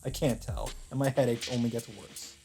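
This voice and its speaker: A man hosting a let's play reads game narration aloud with casual asides, his voice medium-pitched at normal speed. Game music plays faintly behind him.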